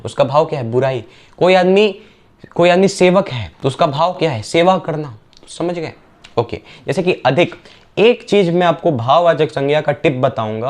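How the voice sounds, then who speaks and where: A young man teaching an exam revision lesson, briskly reading out word pairs and checking that the students follow. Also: fairly high pitch. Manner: brisk, repetitive drilling with quick checks on the students.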